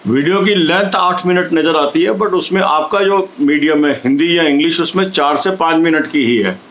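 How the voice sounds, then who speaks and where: A middle-aged man speaks in a slightly raised register. He coaches exam candidates with steady, instructive advice aimed straight at his viewers. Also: a little high, normal speed, lo-fi sound.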